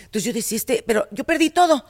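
A woman with a northern Mexican accent co-hosting a podcast, telling stories in a lively way and laughing often. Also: on the high side, fast talker, creaky, long reverb tail. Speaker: podcast co-host. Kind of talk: casual chat.

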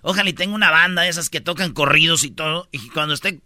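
A Mexican male radio host runs through comedic news items in an animated, joking way. His voice is high and very bright, with a gravelly fry at the edges. The studio sound is dry and close. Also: fast talker, no echo. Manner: animated and jokey, calling out "señores".

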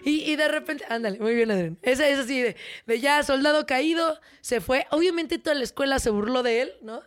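A young woman with a Mexican Spanish accent hosting an entertainment segment, teasing and animated, tossing English words into her chat. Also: high-pitched, brisk. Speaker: entertainment show host. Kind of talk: playful showbiz chat.

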